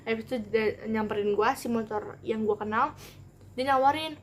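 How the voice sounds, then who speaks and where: A young woman telling a childhood story in a casual vlog, animated and rambling. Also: fairly high pitch, moderate pace, a little hiss or hum. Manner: animated, rambling, acts out every quote. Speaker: vlogger.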